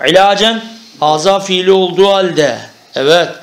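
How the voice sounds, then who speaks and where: A man's voice: high-pitched, moderate pace. A man teaching an Arabic grammar lesson, explaining step by step and often checking that the class understands.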